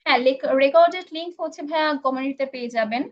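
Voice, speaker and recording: Speaking fast in a high register, this woman teaches a live online English class and responds to questions from viewers. Her patient explanations are full of fillers and sprinkled with English phrases; the stream audio is dull and lo-fi.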